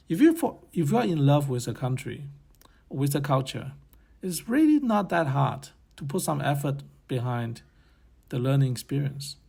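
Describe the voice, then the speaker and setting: Man, channel host, casual advice monologue, rambling, chuckling, gravelly fry, mid pitch. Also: a little mellow. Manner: rambling, chuckling, loose phrasing.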